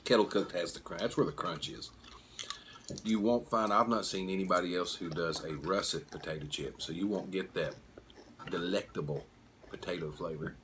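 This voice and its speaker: A man's voice: low voice, normal speed. A man in his forties chatting casually as he hosts a snack review, folksy and jokey, munching crunchy chips as he talks. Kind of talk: casual food review chat. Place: indoors at a table, small room. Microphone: camera microphone a short distance away. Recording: noticeable background noise.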